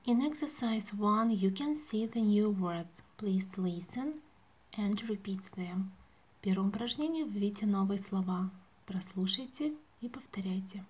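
A woman's voice: medium pitch, expressive, normal speed, a little mellow, breathy edge. A woman teacher narrating a scripted lesson for young children in short, simple instructions.

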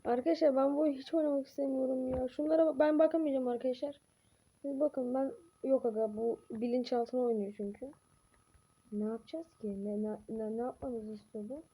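Jumpy high-voiced young woman gamer. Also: a little fast, slightly rough. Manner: jumpy and excitable, swearing, drops to low mutters between outbursts. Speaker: gaming channel host. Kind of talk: horror game let's-play commentary.

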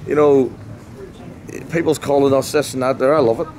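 A football manager in his forties, steady and mid-range with a darkish tone, speaks at normal speed in a night-time post-match interview outdoors at a ground. His delivery is blunt, passionate, emphatic and repetitive. The handheld mic is close, with faint outdoor noise.

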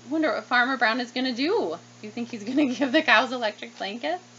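Speaking a little high and at a quick pace, this thirty-something woman acts out a picture book for children like a classroom teacher. She's animated and child-focused, pausing to ask questions along the way. Faint noise and a slightly dull webcam tone come through from the small indoor room where she sits at her desk.

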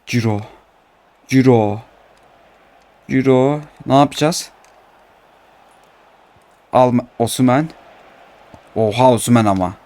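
A man commentating his own football video game match, swinging between calm narration and excited, complaining outbursts. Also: mid-range voice, slow, pauses often. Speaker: gaming YouTuber.

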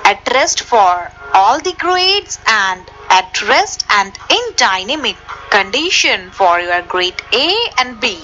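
In a voice-over for a slide-based technical lesson, a woman instructor walks listeners through it step by step, addressing them directly. Her mid-range voice is sing-song, slow, pushed and bright, with lo-fi sound and background music.

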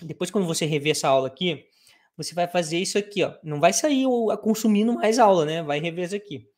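A woman's voice: lowish voice, darkish tone. Brazilian woman teaching a live English lesson. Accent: Brazilian Portuguese. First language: Portuguese. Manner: drills phrases slowly, repeating piece by piece.

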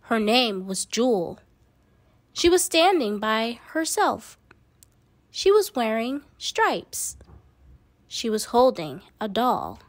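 Slow, expressive woman reading a storybook. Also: fairly high pitch, no room sound. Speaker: storybook reader. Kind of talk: children's picture book read-aloud.

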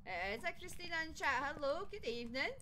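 A woman's voice: sits high, big pitch swings, quick pace, bright, forceful tone, a little hiss or hum. A woman streaming a ghost-hunting game, chatting casually and shrieking and laughing when startled. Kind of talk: casual gaming chat.

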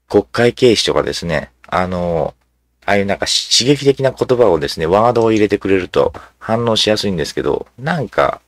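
Low-voiced man musing over online replies. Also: no echo. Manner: musing, halting, with many fillers and asides. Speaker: commentator. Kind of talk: casual commentary, reading social media replies aloud.

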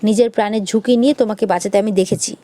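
A woman's voice: mid-range voice, fairly even intonation, very fast, mellow, close to an everyday voice. A woman reading the lines of a proud, angry young man, in a reproachful, accusing tone.

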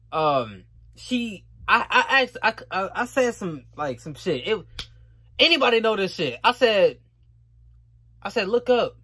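High-voiced young man ranting angrily. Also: a bit bright. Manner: profane, heated ranting; repeats tag questions like "you feel me". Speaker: vlogger. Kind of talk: story time rant.

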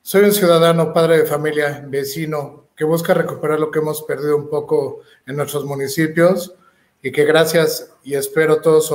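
A man with a Mexican accent, a political candidate answering interview questions earnestly, pausing with fillers and restarts. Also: on the high side, roomy sound.

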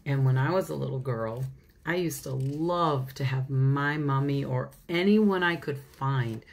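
A woman's voice: a bass voice, unhurried, creaky. A woman pastor reading a children's storybook aloud, chatting straight to the children and laughing often.

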